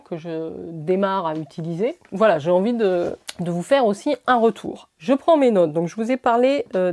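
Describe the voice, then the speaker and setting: A woman's voice: mid-range voice, warm tone. A French woman beauty vlogger chatting through a product review, enthusiastic, with many fillers and restarts.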